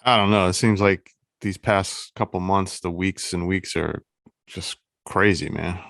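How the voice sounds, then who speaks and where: A man's voice: sits low, steady tone, unhurried, creaky, a bit bright, no echo, studio quality. A man co-hosting a podcast in laid-back casual chat, slangy and restarting his phrases. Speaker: podcast co-host.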